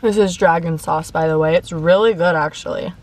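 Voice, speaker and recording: Speaking briskly in a low, steady, slightly mellow voice, a young mukbang vlogger shares a story between bites. She's chatty and leans hard on "like," recording from a parked car in a parking lot.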